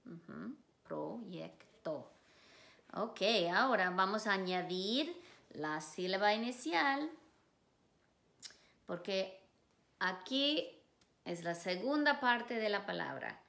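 A woman teacher leading a syllable drill for children, saying single words slowly and clearly for the class to repeat. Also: mid-range voice, lively intonation, pushed and bright. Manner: slow, clearly enunciated word-by-word drilling. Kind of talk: phonemic awareness drill for children.

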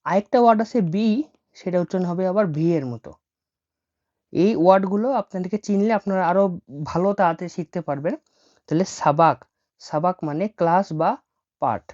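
A woman who speaks Bengali as her first language teaches a language lesson, spelling words out letter by letter and repeating each one slowly. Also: lowish voice, darkish tone. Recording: dull lo-fi audio.

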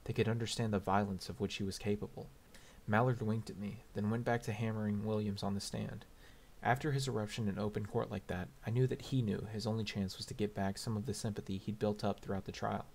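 Low-voiced man reading an audiobook. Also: steady tone, fairly quick, creaky, darkish tone. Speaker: audiobook reader. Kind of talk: audiobook narration.

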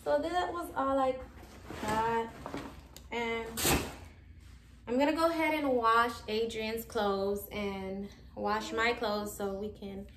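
Here a vlogger in her thirties takes her time, her slightly high voice staying fairly even as she chats through a shopping haul. She presents each item in turn in her echoey living room, recorded by a camera across the room with background noise.

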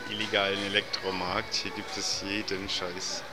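A man narrating a handheld tour of a supermarket, walking and commenting in a relaxed way on the camera mic. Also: sits low, over loud music. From Germany. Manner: relaxed, unhurried, commenting as he walks. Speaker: vlogger. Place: large supermarket indoors. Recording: loud store noise behind. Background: supermarket bustle.

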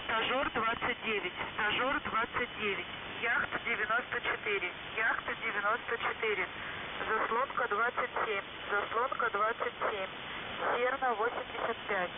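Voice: mid-range voice, moderate pace. Operator reading codes over shortwave radio. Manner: repeats each word-and-number group twice in a flat reading. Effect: heard over a shortwave radio. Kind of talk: reading out a coded message. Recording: distant tinny shortwave radio with loud hiss.

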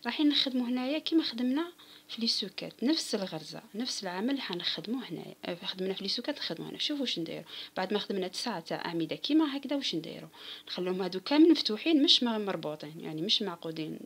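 A woman with an Algerian Arabic accent walks her viewers through a crochet tutorial step by step, speaking directly to them and patiently counting stitches out loud. Her mid-range voice swings widely in pitch, moves at a racing pace, and carries a breathy edge.

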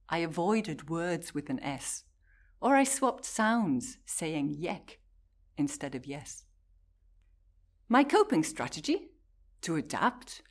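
A woman giving a prepared personal talk, telling her story in measured, deliberate short phrases. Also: low-pitched.

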